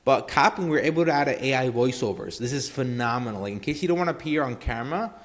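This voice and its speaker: A man talking through a screen-share tutorial in a casual, rambling way. His pitch sits in an ordinary middle range. He leans on fillers and keeps checking in with the viewer. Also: animated, quick pace. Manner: rambling, filler-heavy, keeps saying obviously and right. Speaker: marketing tutorial host.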